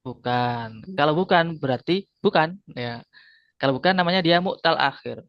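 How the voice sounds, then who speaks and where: A man teaches a grammar lesson in a fairly high voice. He explains patiently, repeats each term and quizzes his students. The sound is dull and lo-fi, with a dry, close feel. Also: moderate pace, no echo.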